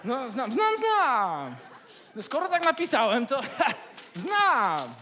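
A man's voice: very high voice, huge pitch swings, slow pace, bright, forceful tone, a faint crowd, a little hiss or hum. A man in a stage comedy sketch, playing a flustered office worker who stammers and bluffs his way through.

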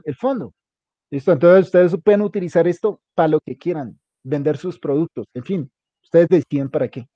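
This instructor, a man with a fairly high-pitched voice, leads a hands-on computer class and gives step-by-step directions, often repeating himself. The recording is dry, dull and lo-fi.

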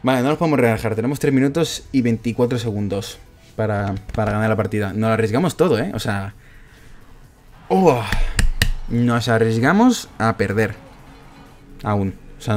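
A man casually commentating his own gameplay, chatty and excitable, groaning at every miss. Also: on the low side. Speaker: gaming streamer.

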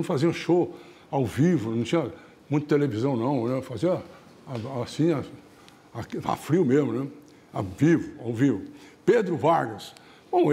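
A man's voice: a little high, dark tone. Folksy male storyteller. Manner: chatty, frequent tag questions, acts out characters. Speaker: TV show host.

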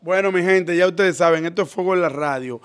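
A man with a high voice hosts a casual interview. He drops in short remarks while his guest talks. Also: fast talker. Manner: short interjections, then a scripted wrap-up. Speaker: show host.

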